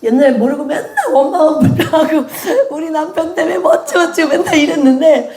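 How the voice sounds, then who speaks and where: A prophecy school teacher with a high voice teaches a church class on prayer at a fast pace in an echoey room. In a sermon-style talk with personal testimony, she tells her own story animatedly, laughing often and acting out prayers.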